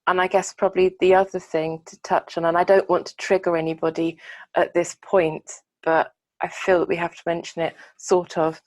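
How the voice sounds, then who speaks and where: An earnest woman with a lowish voice, reflecting on a podcast in long, thoughtful runs. The recording is dry and close. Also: little pitch movement, normal speed, a little mellow, no echo. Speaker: podcast co-host. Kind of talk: casual chat on a video call.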